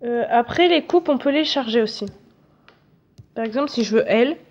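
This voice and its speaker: A woman's voice: a little high, expressive, moderate pace, darkish tone. A young woman giving casual, chatty commentary as she plays a game, self-mocking and swearing casually at it. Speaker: gaming video creator. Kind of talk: casual let's-play commentary. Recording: dull, slightly lo-fi audio.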